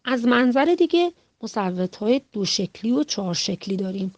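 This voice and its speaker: A woman in an instructional lecture, addressing fellow teachers in a measured, deliberate way. She sounds out single letters and sample words one by one, with pauses between them. The recording is dry and close, with no room echo. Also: on the high side, animated, dull audio. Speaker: teacher trainer.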